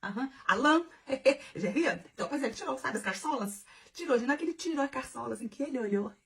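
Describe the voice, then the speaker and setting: Brief: Mineira woman vlogger, husky voice, rapid comic storytelling, giggly and bawdy. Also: high voice. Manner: animated, giggly, bawdy and confiding.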